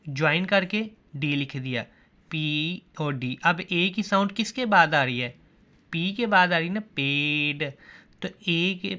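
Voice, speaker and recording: Bright-voiced man teaching shorthand. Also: high voice, muffled recording. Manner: repeats questions and answers them himself. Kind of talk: classroom lesson.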